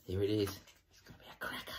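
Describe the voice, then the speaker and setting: A middle-aged British man chatting casually as a vlog co-host, with a husky voice, at home. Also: racing, a little hiss or hum. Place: living room at home.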